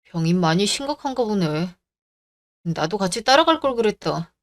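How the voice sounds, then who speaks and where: An actor playing a firm young husband in a radio drama, calmly reasoning and standing up for his wife. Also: high-pitched, moderate pace, exaggerated voice. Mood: concerned. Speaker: husband and son.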